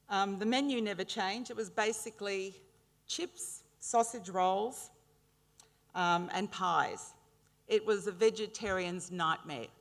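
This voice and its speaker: At a graduation in a large indoor hall, a middle-aged Australian woman whose voice runs on the low side delivers a formal speech. She is measured and warm, weaving in humorous anecdotes, while the hall echoes around her.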